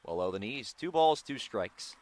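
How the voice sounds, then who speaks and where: An American man calls a baseball game live on the radio, giving play-by-play and getting excited on big plays. His voice is fairly low and he talks at a normal speed.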